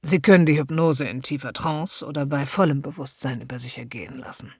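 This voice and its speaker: A woman voicing a smooth-talking male hypnotist who speaks slowly and coaxingly, often close to a whisper. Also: very deep voice, fairly even intonation, no room sound, exaggerated voice. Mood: smooth persuasive. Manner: slow, soft and coaxing, often near a whisper.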